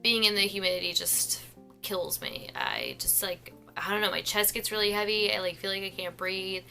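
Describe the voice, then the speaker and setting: A young woman talks casually to camera from home, rambling and self-deprecating. Her voice is bright and clear, and faint music plays quietly behind her. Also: mid-range voice, very animated, normal speed. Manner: rambling, self-deprecating, lots of fillers and laughs. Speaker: vlogger.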